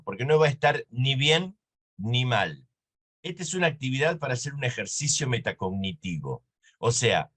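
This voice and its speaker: Male lecturer, Argentine accent, didactic, mid-pitched, keeps checking in with the class. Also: a bit bright. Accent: Argentine Spanish. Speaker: university lecturer. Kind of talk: recorded lecture.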